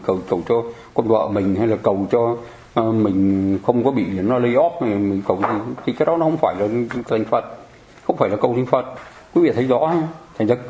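A man's voice: medium pitch, a little mellow. A man giving a Buddhist dharma talk in a conversational way, often putting rhetorical questions to his listeners. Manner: conversational, keeps asking the audience rhetorical questions. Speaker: Buddhist teacher. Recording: roomy echo.

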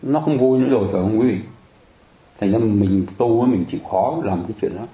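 A man's voice: fairly low pitch, a little fast, warm tone, reverberant, poor audio. A man giving a Buddhist sermon in a chatty way, often turning to the audience and joking. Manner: conversational, addresses the audience often, jokes and laughs. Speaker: Buddhist preacher. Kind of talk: dharma talk sermon.

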